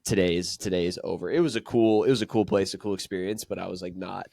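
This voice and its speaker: A man's voice: sits low, fast, creaky, darkish tone, no echo, clean studio sound. A man hosting a podcast, telling travel stories in a casual, chatty way and laughing often. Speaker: podcast host.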